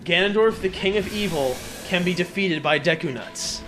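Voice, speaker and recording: A man with a fairly high voice hosts a video game let's play at normal speed, with game music playing behind him. His commentary is casual and joking, rambling and hesitant, delivered with mock-earnest enthusiasm.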